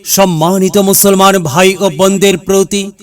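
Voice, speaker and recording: A man's voice: high-pitched, steady tone, unhurried. A man announcing an election campaign promo in a formal, declamatory way, chanting rhyming slogans. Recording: music bed behind the voice.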